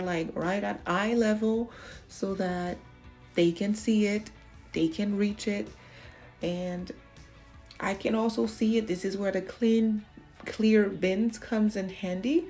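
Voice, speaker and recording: A woman's voice: medium pitch, measured pace, darkish tone, faint music behind. A woman giving a casual, chatty voice-over as a home organization vlogger, talking directly to viewers with encouraging tips. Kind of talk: casual voice-over narration of cleaning.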